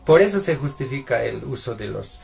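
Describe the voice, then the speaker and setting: Man, gravelly voice, explanatory teaching tone, frequent check-ins. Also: medium pitch, big pitch swings, normal speed, a little mellow, faint music behind. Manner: explanatory, often asks "¿no es cierto?". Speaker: Aymara language teacher. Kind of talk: explanatory lesson.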